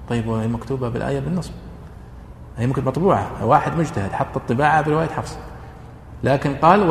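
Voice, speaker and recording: A man, lecturing students on Quranic readings in an explanatory classroom manner and pausing on drawn-out fillers. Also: mid-range voice. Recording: echoey hall, faint ambient noise.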